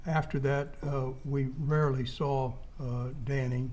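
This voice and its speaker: A man testifies as a witness in a hesitant, halting manner. His tone is mellow and his pitch stays within a narrow, even range. He sounds understated and measured, answering in a courtroom style.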